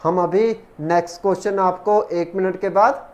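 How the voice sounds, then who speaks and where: A man's voice: high-pitched, steady tone, normal speed, darkish tone, muffled recording. A man teaching a math lesson step by step, counting terms aloud as he works. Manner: talks while working, counts terms aloud. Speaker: math tutor.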